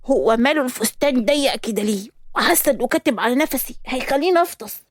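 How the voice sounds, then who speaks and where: A woman voicing a plump, dreamy young Egyptian woman in an animated storybook, whiny and scheming. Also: sits high, fast talker, no room sound, clean studio sound.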